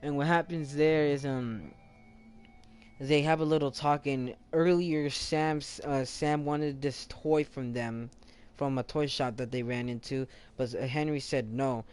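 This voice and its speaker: A man's voice: mid-range voice, steady tone, unhurried, a little mellow, smooth. A young man casually retelling a video game's story, rambling, with many self-corrections and restarts. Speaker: gaming channel host. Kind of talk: casual game story recap.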